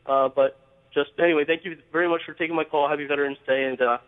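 A man's voice: fairly high pitch, steady tone, quick pace. A man calling in to a radio show over the phone, talking earnestly with many fillers and restarts. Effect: call-in phone line on air. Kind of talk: call-in radio chat. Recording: tinny phone line with long reverb.

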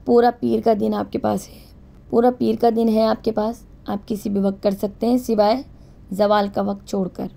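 Calm woman with a dark, gravelly voice. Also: medium pitch. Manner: calm, repetitive, recites phrases slowly. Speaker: religious instructor. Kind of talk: spoken instruction with slow recitation.

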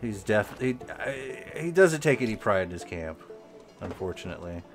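A man giving casual commentary over a video game, halting and repeating his words with frequent ums. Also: on the low side, very animated, faint music behind. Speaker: gaming channel host.

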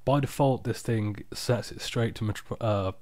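A tired man giving a casual, unscripted screen-recording tutorial, explaining software steps in an informal, off-the-cuff way. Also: lowish voice, a little slow, no echo. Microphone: external microphone, close and dry.

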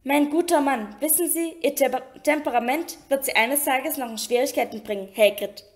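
A woman's voice: high voice, moderate pace, close to an everyday voice. A woman voicing a cold, spiteful aristocratic man in an audiobook reading, casual and sneering in manner. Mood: smug, sneering.

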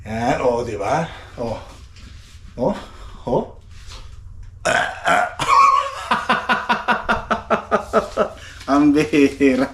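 A Filipino vlogger chats casually with his viewers from home, joking, bragging playfully and often laughing. His voice is medium-pitched and darkish, and he speaks slowly with frequent pauses. Faint background noise sits under the recording.

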